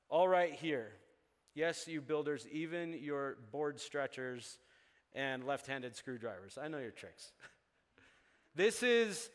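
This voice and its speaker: A pastor who grew up in Uganda preaches a sermon animatedly, acting out dialogue with little chuckles. His voice is fairly high and smooth, recorded with long hall reverb.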